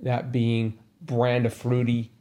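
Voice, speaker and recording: Brief: mellow-voiced male co-host, hesitant, self-correcting, casual puzzle chat. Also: mid-range voice, completely flat delivery, slow. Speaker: podcast co-host.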